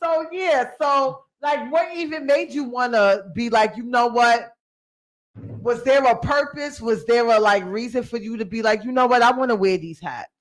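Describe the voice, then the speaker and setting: Brief: forties woman host, high voice, loud laughing casual interviewer. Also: moderate pace, rough recording. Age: 40s. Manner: loud, laughing, slangy and animated. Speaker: podcast host.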